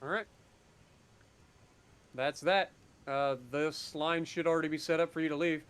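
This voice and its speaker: A man's voice: a little high, fairly even intonation, measured pace, fairly bright tone, clear, resonant tone. A man streaming a train game, chatting casually and swearing now and then. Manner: laid-back, swears casually. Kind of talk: casual gameplay chat.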